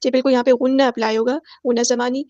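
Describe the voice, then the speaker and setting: A woman teaching Quran recitation rules in a patient, step-by-step manner and reciting verses slowly. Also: on the high side, level tone, a little mellow, dry recording, dull audio. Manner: patient, explains each rule step by step; drawn-out melodic recitation of verses. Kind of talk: tajweed lesson with slow recitation.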